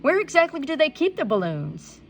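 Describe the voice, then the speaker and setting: A woman's voice: high-pitched, sing-song, normal speed, a little hiss or hum, pitched above the performer's own voice. A woman voicing an exasperated, worried mother in a read-aloud storybook, emphatic and protesting. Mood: suspicious, firm.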